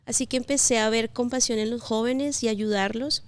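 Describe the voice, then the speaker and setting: A woman in her thirties from Colombia, telling her life story as an interview guest in a gentle, reflective way with pauses and fillers. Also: on the high side, fairly even intonation, clean tone, dry recording. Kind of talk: personal testimony interview.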